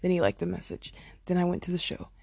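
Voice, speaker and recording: A woman's voice: on the low side, lively intonation, quick pace, vocal fry, darkish tone, no echo. A young woman telling a long concert story into her phone, chatty and full of "like" and "oh my God", acting out what people said. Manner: chatty, lots of "like" and "oh my God", acts out quotes. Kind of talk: casual storytelling.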